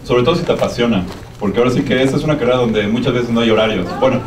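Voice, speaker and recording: A man's voice: medium pitch, rapid-fire. A young man with a Mexican accent giving an informal conference talk in a colloquial, hesitant, meandering way. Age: young adult. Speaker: guest speaker, media production worker. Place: university lecture room. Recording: echoey room, distant sound, background noise.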